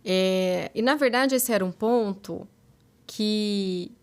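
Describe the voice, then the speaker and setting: A woman's voice: mid-range voice, slow pace, smooth. A woman in her thirties with a Brazilian Portuguese accent, co-hosting a parenting podcast, explaining with examples and acting out little quotes. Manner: explanatory, many tag questions, acts out parent and child quotes. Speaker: co-host, neuroscience parenting podcast. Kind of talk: casual expert chat.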